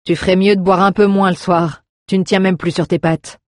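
A woman voicing a male town guard captain who speaks calmly and firmly, stern but kind. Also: on the low side, fairly quick, no room sound, clean studio sound, close to an everyday voice. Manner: calm, firm.

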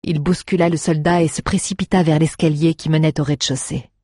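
A narrator reading an adventure story aloud in a steady, dramatic way. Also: mid-range voice, a little fast, no room sound, clean studio sound. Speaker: audiobook narrator.

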